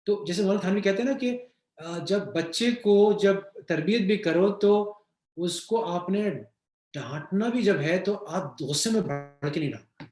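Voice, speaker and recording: A man's voice: high-pitched, darkish tone. A man with a Pakistani accent speaking in a webinar, answering questions on leadership in a conversational way with everyday examples and English phrases mixed in. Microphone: video call. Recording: echoey room sound.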